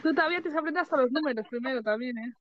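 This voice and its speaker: A woman's voice: high voice, rapid-fire, muffled recording, a little hiss or hum. A woman co-hosting a casual podcast, patiently correcting Basque pronunciation. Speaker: co-host teaching Basque. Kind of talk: casual chat, language tutoring.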